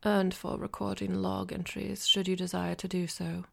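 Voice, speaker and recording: A woman reading an audiobook, voicing a formal male talking cat who guides a game, in a soft, half-whispered voice. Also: lowish voice, flat delivery, moderate pace, creaky, exaggerated voice. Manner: precise, formal and quietly dry.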